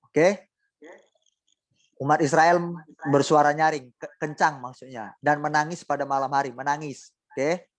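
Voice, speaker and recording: A man's voice: fairly high pitch, steady tone, a little slow, dry recording. A male pastor preaching a sermon, asking his congregation rhetorical questions and often acting out quoted voices.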